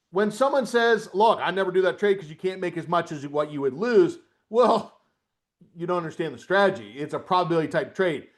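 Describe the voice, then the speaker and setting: A trading coach from upstate New York, a middle-aged man, runs a live webcast lesson on options trading. His voice is a bit high for a man, and he stays chatty, wandering into folksy asides as he works through trades.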